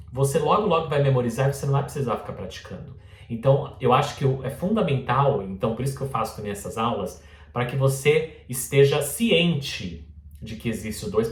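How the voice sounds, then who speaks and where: A man's voice: mid-range voice, echoey room, recorded from a distance. A man teaching English pronunciation in a casual video lesson, saying each example word over and over to contrast the sounds. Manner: slow, repeats words with careful contrast.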